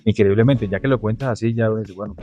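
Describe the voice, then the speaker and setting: A man's voice: fairly low pitch, fast talker, mellow, lo-fi sound, faint music behind. A man with a Colombian Caribbean coast accent, hosting a podcast and playfully prompting his guest in casual chat. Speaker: podcast host.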